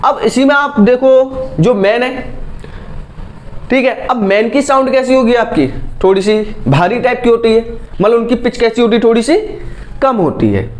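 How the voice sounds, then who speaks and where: A man, lecturing students in a lively classroom style. He keeps asking questions and answers each one himself. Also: extremely high pitch, moderate pace. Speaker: teacher.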